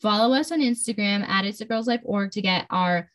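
A woman's voice: medium pitch, a little fast, fairly bright tone, poor audio. A teenage girl hosting her own podcast, talking in an upbeat, enthusiastic, chatty way with frequent fillers. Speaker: podcast host. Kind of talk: casual solo podcast talk.

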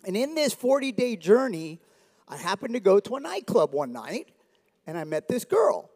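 A man's voice: sits high, sing-song, moderate pace, breathy edge. A man from South Florida in his forties gives an earnest testimony to a church, with touches of humor. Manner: earnest, warm, with light humor. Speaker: church member giving testimony. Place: church hall. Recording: long reverb of a church hall.

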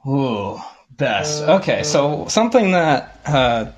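A man in his twenties from Ohio, a podcast guest, answering in a relaxed way with frequent laughs and ums. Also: medium pitch, slow, music in the background. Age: 20s. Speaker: guest, audio engineering tech. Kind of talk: casual interview chat.

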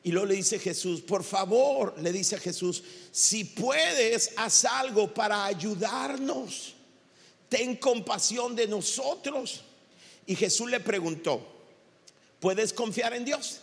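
A male pastor with a Mexican Spanish accent delivers an impassioned sermon, now and then rising to shouts. His voice sits very high and bright. A long reverb from the church hall trails behind his words. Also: slow pace, gravelly.

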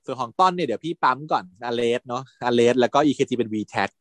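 A man's voice: mid-range voice, fast talker, no room sound. A man co-hosting a podcast, casually retelling drama scenes and acting out the quoted lines. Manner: animated storyteller, acts out quoted lines in raised voice. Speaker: podcast co-host recapping a drama series.

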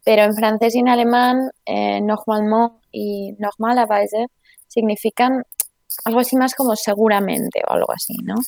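Woman guest, bit of vocal fry, talks on and on w restarts, dry close sound. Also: fairly high pitch, fairly even intonation, moderate pace, darkish tone, no echo. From Spain. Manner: explains at length with frequent restarts and tag questions. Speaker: interview guest, economist and author. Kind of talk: conversational interview.

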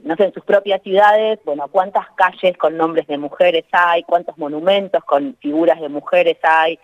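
A woman's voice: on the low side, no room sound. A woman with a Rioplatense Spanish accent speaks from home over a bad phone connection that keeps cutting out. The line is muffled and lo-fi, and her voice sounds dry and close. She chats casually, stopping and restarting often. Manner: chatty, many hesitations and restarts. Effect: bad phone connection that cuts out. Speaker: journalist and tour co-creator, radio guest.

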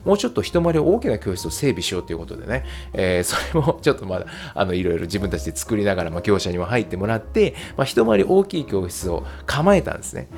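A man's voice: quick pace, few pauses, faint music behind. A man hosting a casual solo podcast, chatting with many fillers and laughs. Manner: chatty, frequent fillers and laughs, lively pitch. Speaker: podcast host and English teacher.

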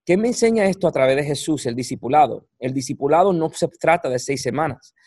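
Preacher, dry close sound. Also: male voice, fairly high pitch, animated, darkish tone, no echo. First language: English. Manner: halting, searching for words, repeating for emphasis. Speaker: pastor, guest. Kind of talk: conversational preaching on scripture.

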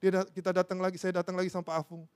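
A man's voice: high-pitched, flat delivery, racing, darkish tone, clear, resonant tone. A man preaching a sermon to a congregation, often asking for amens and applause and acting out everyday conversations. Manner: acts out everyday dialogue to make a point.

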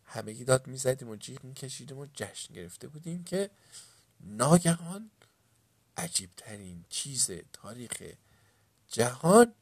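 A man reading a children's story aloud in a lively way, raising his voice for the shouting in the story. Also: mid-range voice, slightly rough. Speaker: audiobook narrator.

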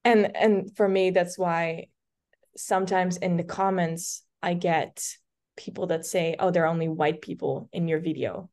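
Measured in pace, steady in tone and darkish and low in voice, a Dutch woman in her 20s speaks with a light accent from her native Dutch. As a podcast guest in casual conversation, she tells chatty stories packed with restarts and fillers.

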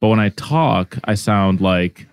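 A man's voice: fairly low pitch, expressive, takes it slowly, smooth, no room sound. A man whose first language is Arabic, hosting a podcast and talking loosely and casually with lots of "like" fillers. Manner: chatty, loose, many "like" fillers and restarts. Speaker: podcast host. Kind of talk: casual conversation.

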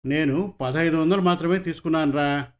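A man's voice: fairly high pitch, brisk, close to an everyday voice. A man voicing a poor, unschooled farmhand father who pleads humbly with his landlord. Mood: gruff.

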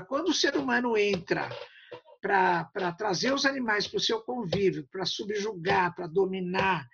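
A woman's voice: medium pitch, gravelly, muffled recording. An older woman, a guest in an interview, talking in a chatty storytelling way and often ending with tag questions. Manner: storytelling, tag questions, acts out quoted dialogue. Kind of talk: casual interview talk.

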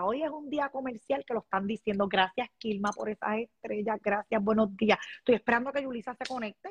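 A woman's voice: a little high, breathy edge, no echo. A woman hosting a live stream, effusively thanking viewers by name and chatting casually. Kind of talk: casual live stream chat, reading comments.

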